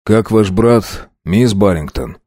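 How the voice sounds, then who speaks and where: A man playing a weary, dying male doctor who speaks slowly and quietly to comfort his patients. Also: on the low side, no echo, clean studio sound. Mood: calm. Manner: slow, quiet, gently comforting.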